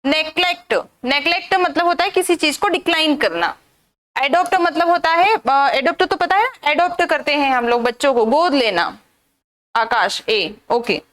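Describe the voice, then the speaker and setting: A woman teaches English vocabulary to an online class. Her voice sits high. She drills her students with rhetorical questions and scolds them sternly when they slack off. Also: moderate pace, fairly bright tone. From India.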